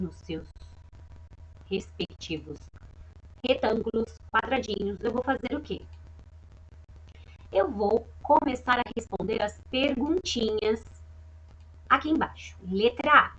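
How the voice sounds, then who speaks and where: A woman with a Brazilian Portuguese accent, teaching young children in a recorded lesson with slow, sing-song talk and frequent check-ins. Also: fairly high pitch, fairly bright tone, breathy edge, muffled recording. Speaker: primary school teacher.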